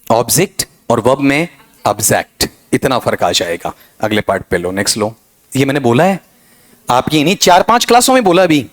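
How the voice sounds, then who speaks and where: Lively male English teacher. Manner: quizzing students with constant checks, "ok?"; lively, swings high and low in pitch. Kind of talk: exam-prep pronunciation lesson.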